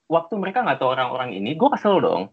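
A man's voice: mid-range voice, racing, vocal fry, husky, phone-quality sound. A man, chatting casually and acting out quotes as he tells a story. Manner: animated storyteller, acts out quotes. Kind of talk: casual chat.

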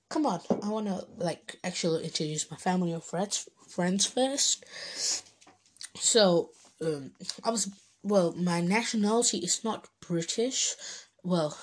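An eighteen-year-old woman from Bangladesh, hosting her own casual podcast. She rambles, hesitates and restarts her sentences often. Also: fairly low pitch. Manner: chatty, informal. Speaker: podcast host. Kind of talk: casual solo podcast monologue.

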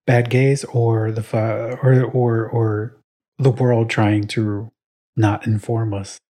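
Husky-voiced young man hosting a podcast. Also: fairly low pitch, flat delivery, slow pace, mellow. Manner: playful quiz-master banter. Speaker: podcast co-host. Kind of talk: casual chat.

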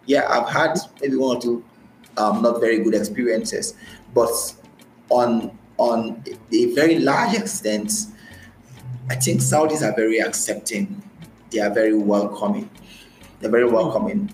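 As a guest in a conversational podcast interview, a Nigerian-accented man from Nigeria talks through his own experiences and frequently repeats phrases for emphasis. He uses a medium pitch, fairly even intonation and a measured pace, with roomy echo and faint music behind him.

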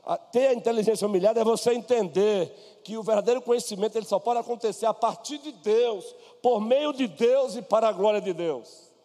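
A man's voice: high voice, brisk, dark tone. A man with a Brazilian Portuguese accent preaching a sermon, chatting to the congregation by name and mixing in personal stories. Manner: conversational preaching, addresses listeners by name. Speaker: pastor. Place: church hall. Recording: long hall reverb.

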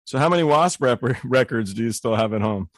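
A man's voice: mid-range voice, animated, fairly quick, no room sound. A man hosting a casual interview, teasing his guests, swearing and laughing often. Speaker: podcast host.

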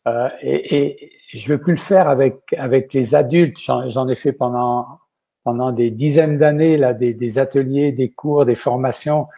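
A man's voice: mid-range voice, steady tone, moderate pace, gravelly, mellow, breathy edge. An older man with a Quebec French accent, a chef speaking as an interview guest in a rambling way, often adding "ok?". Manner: rambling, tags sentences with "ok?". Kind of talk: casual interview talk.

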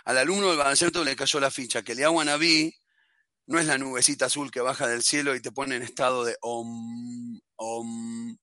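Animated Argentine rabbi, bright voice. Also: male voice, medium pitch, quick pace, dry recording. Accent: Argentine Spanish. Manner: animated, colloquial, emotional. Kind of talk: storytelling talk.

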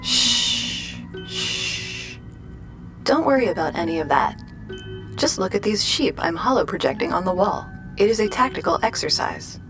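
A woman playing a soothing, slyly sinister ship's computer in a comic sci-fi audio drama, gentle and coaxing. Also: fairly low pitch, sing-song, brisk, gravelly, over music.

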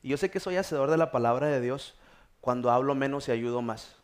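A male pastor, preaching earnestly with measured pauses. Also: mid-range voice. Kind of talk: sermon.

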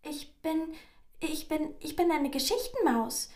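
A woman voicing a small, frightened but clever mouse in a storybook reading, squeaking and stammering. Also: animated, unhurried, darkish tone. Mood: pleading.

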